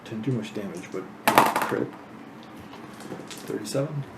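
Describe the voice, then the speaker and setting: A man running a tabletop game, narrating slowly with pauses and fillers. His voice sits a bit low. The room is echoey, with noticeable noise behind him. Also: expressive, creaky. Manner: slow, halting narration with fillers. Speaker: game master.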